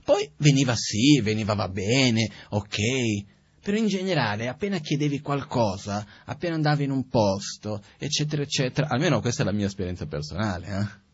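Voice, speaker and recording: A man giving a Buddhist teaching in a calm, conversational way, asking rhetorical questions as he goes. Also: mid-range voice, brisk, slightly rough, no room sound. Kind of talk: spoken dharma teaching. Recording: dull, dry, lo-fi recording.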